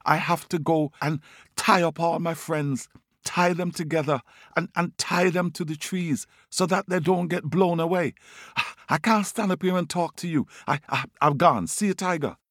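A man voicing a clever male trickster rabbit who gives brisk orders and rushes in a panic when scheming, in a storybook tale. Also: on the high side, fairly bright tone, dry recording, studio quality, pitched above the performer's own voice. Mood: frantic. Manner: brisk, commanding, turns frantic when scheming.

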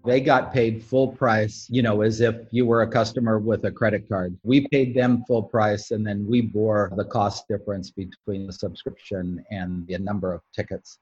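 A man's voice: on the low side, fairly even intonation, normal speed, few pauses, a little mellow, husky, lo-fi sound, faint music behind. A man who ran the company, explaining things in a matter-of-fact way in an interview. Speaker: former company executive.

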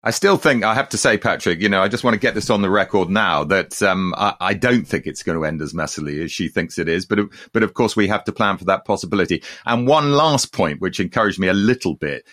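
Male podcast co-host, lower register, thoughtful and opinionated, conversational delivery, very dry close sound. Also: animated, a little fast, few pauses, fairly bright tone, no echo.

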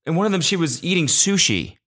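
Animated, foul-mouthed man on a podcast. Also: brisk. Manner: animated and profane, jumping between loud exclamations and low mutters. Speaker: podcast host. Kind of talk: casual solo podcast rant. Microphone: podcast microphone.

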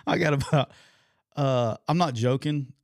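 A man's voice: medium pitch, measured pace, gravelly, no room sound, clean studio sound. Folksy man, casual sports talk. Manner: informal, folksy, colloquial. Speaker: sports podcast host.

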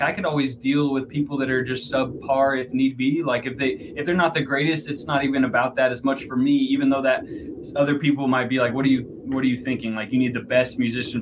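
A man giving a casual interview as a musician, rambling and thinking aloud with halting phrasing. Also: mid-range voice. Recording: clear background noise.

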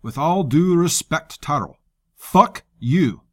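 A man's voice: on the high side, expressive, normal speed, pitched above the performer's own voice, lightly acted. A man voicing a brash, scarred male military commander with a harsh, taunting manner. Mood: defiant.

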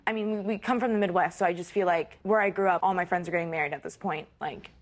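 A young woman in her twenties from Ohio, making her case in front of a court show judge, talking fast with lots of "like". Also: on the low side, fairly even intonation. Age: 20s. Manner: fast, full of "like", frustrated. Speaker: litigant.

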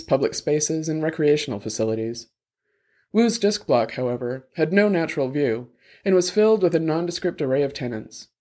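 Male audiobook narrator, wry, steady, slightly high voice.

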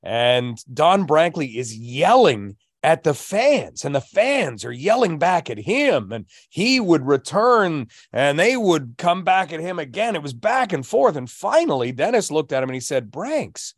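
A man's voice: a little high, unhurried, few pauses, no room sound, studio quality. Storytelling man, hockey podcast co-host. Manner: storytelling, lively recounting. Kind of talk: casual sports chat.

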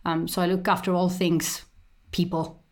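A woman in her thirties, originally from Estonia, speaking as an interview guest in a measured, articulate way with occasional ums and repeated words. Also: fairly low pitch, level tone. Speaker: guest, company executive. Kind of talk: conversational interview.

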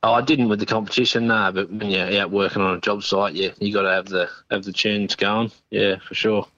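Australian male interviewee, laconic understated drawl, low-pitched, casual, over a muffled phone line. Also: steady tone, fairly quick, pushed and bright, no room sound. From northern New South Wales, Australia. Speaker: interview guest, machinery operator.

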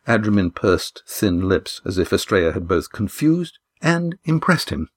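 A man narrating a novel chapter in a steady, measured reading voice. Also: deep voice. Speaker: audiobook narrator. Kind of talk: scripted story narration.

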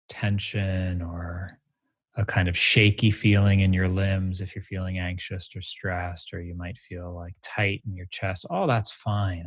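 A man leading a guided grounding meditation exercise, giving gentle, measured instructions in short phrases with pauses between them. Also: sits low, dry recording. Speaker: meditation teacher, interview guest.

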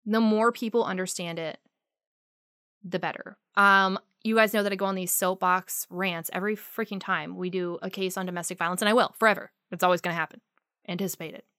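A woman's voice: on the low side, steady tone, fairly quick, sharp tone, no room sound, clean studio sound. A woman hosting a true crime podcast, talking bluntly and with a lot of passion, and cursing freely. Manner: blunt, profane and impassioned. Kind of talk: podcast sign-off and personal rant.

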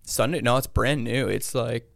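Raspy American man with heavy vocal fry. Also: medium pitch, fairly even intonation, moderate pace, no room sound, studio quality. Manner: rambling, hedging, self-interrupting. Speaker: podcast guest. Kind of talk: casual interview chat.

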